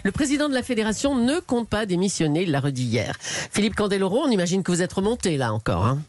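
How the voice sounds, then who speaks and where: A woman hosting a radio comedy segment, lively as she plays straight to the impressionist. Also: mid-range voice, fast talker, no echo, studio quality. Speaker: radio show host.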